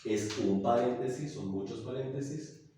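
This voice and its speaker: A man with a Mexican accent lecturing a class as a teacher, explaining slowly and often checking that the students follow. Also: mid-range voice, warm tone, slight background noise. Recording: echoey classroom from far off.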